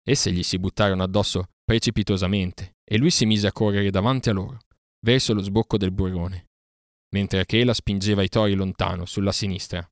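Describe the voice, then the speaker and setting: A man narrating a storybook audiobook in a steady, measured way. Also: deep voice, no echo, clean studio sound.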